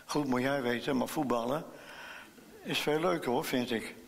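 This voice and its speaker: A man's voice: mid-range voice, normal speed, gravelly, in a large hall, slight background noise, natural voice. A man voicing a cheerful young schoolboy in a children's story, chatty and encouraging.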